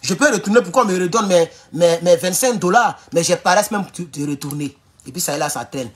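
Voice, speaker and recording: A man with an Ivorian French accent, speaking loudly and mockingly in a rambling live stream from his home, talking straight into his phone with no external mic. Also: high-pitched, brisk. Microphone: phone without external mic.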